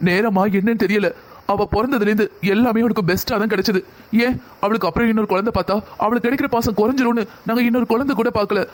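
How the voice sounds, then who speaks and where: A man's voice: high voice, quick pace, natural voice. A man voicing an anxious middle-aged father in a cartoon, speaking in a distressed, pleading way. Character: anxious middle-aged father begging help for his daughter. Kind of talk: cartoon voice acting.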